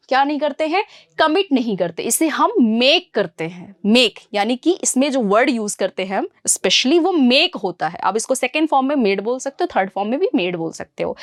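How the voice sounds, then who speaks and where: A woman's voice: high-pitched, no echo. A young woman teaching an exam-prep grammar lesson, calling her students "beta" and asking questions she then answers herself. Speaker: English teacher.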